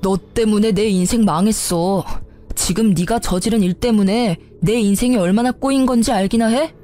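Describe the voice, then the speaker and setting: A woman's voice: medium pitch, normal speed, warm tone, soft background music, close to an everyday voice. A woman voicing an angry older brother who bitterly accuses his sister.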